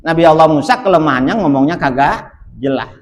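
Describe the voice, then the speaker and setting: A man preaches a casual, story-driven sermon with a high voice. He jokes his way through the tale and keeps turning to address his listeners directly. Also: quick pace, poor audio. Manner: jokey, laughs at his own stories, often addresses listeners as "Pak". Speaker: Islamic preacher.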